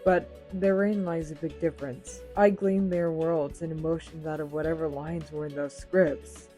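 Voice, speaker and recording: A woman voicing an earnest, polite, curious young actress in an anime fan dub, with theatrical, deliberate, formal phrasing. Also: low-pitched, mellow, close to an everyday voice. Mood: thoughtful.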